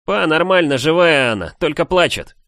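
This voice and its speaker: A man voicing a serious, businesslike young boy who speaks in a brisk, matter-of-fact way in an audiobook. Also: medium pitch, expressive, a bit bright, dry recording, clean studio sound, voice pushed up, lightly acted. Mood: calling out.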